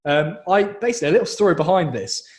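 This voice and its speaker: A man's voice: high voice, very animated, fast talker, darkish tone. A young man with a southern English, British accent chatting casually about football in informal slang as a podcast co-host. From southern England. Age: young adult. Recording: roomy, echoey sound.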